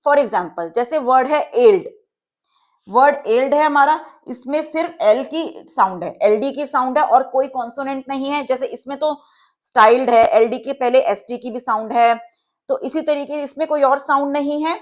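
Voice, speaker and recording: A woman's voice: high-pitched, normal speed. A woman teacher giving a patient, step-by-step lesson, checking that her students follow along.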